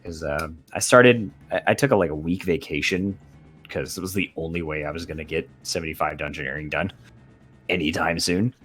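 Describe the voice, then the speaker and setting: A man chatting casually as a podcast guest, animated and joking as he rambles through a story. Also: rumbling low, fairly quick, faint music behind.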